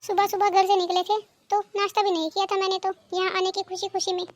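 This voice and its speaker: A woman's voice: extremely high pitch, level tone, fast. A woman voicing a scheming, gossiping younger daughter-in-law in a cartoon. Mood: sly. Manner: sly, sweet-talking. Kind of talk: cartoon dubbing.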